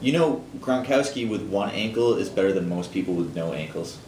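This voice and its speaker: A man's voice: lively intonation, a little fast, darkish tone. A man co-hosting a small business news show, talking casually with many fillers and restarts. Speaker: co-host. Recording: echoey room with faint rumble.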